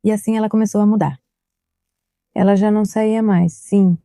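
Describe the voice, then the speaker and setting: Dark-voiced middle-aged mother recounting. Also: mid-range voice, fairly even intonation, normal speed, no echo, studio quality. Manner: recounts events quoting past dialogue. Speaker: mother of a victim. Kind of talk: personal testimony.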